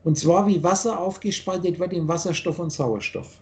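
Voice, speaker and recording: A man's voice: high-pitched, normal speed, darkish tone. An older man from Austria, lecturing at length as a spiritual teacher over a video call, rambling and insistent, often restarting his sentences.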